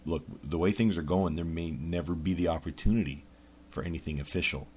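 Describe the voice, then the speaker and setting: A man's voice: low voice, fairly even intonation, brisk, darkish tone, a little hiss or hum. A man hosting a podcast, talking casually in a rambling monologue full of restarts. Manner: rambling, lots of restarts and fillers. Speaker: podcast host.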